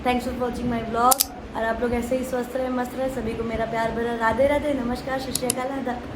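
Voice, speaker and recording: A woman's voice: fairly high pitch, level tone, a little fast, noisy background. A young woman from India narrating her vlog in a heartfelt, chatty way, mixing English words into her talk. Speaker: vlogger. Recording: voice over loud background music.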